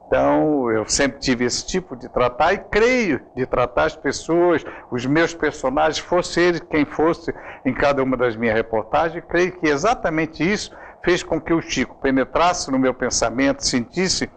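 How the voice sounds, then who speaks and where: Reporter guy being interviewed, gravelly voice, serious and sincere. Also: fairly high pitch, animated, normal speed, rough recording. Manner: earnest, lists values with weight. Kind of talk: live TV interview.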